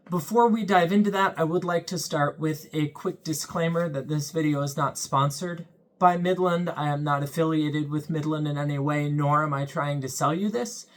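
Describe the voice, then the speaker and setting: Hosting his own channel, a young man gives a weather radio a casual, sincere review, speaking plainly and saying "um" often. He has a fairly high, slightly bright voice.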